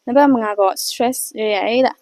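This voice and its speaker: A woman giving an unhurried talk, often pausing and hesitating. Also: on the high side, darkish tone, dry recording.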